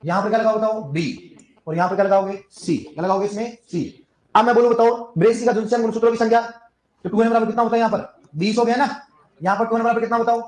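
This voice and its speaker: A man's voice: sits high, steady tone, fast, darkish tone, echoey room. A man teaching an agriculture class, firing repeated questions at students and coaxing answers. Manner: scolds the class jokingly. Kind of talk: classroom lecture with call-and-response questions.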